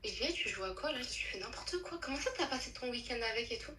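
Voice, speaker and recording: A young woman telling a true story in a casual chat, animated and slangy, with many restarts. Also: on the high side, quick pace, echoey room, slight background noise, low-quality recording.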